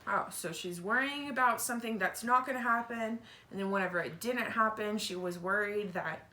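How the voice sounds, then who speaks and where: Reading a picture book aloud, a woman teacher speaks expressively to children in a mid-range voice at normal speed, adding casual asides to explain. The recording was made at home and sounds roomy and echoey.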